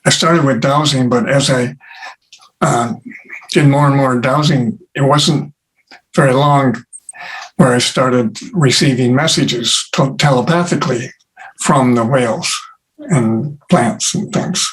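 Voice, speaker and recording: A man who is an interview guest, telling stories in an unhurried way with many pauses and fillers. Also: mid-range voice, a bit bright, poor audio. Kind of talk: casual conversation.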